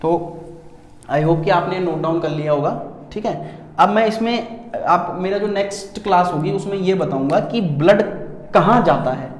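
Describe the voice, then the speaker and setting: A man's voice: high voice, moderate pace. A man teaching a lesson to students, asking rhetorical questions while he draws and repeating key words. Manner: calls students "beta" and often says "theek hai". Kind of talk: classroom-style lesson. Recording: echoey room with faint ambience.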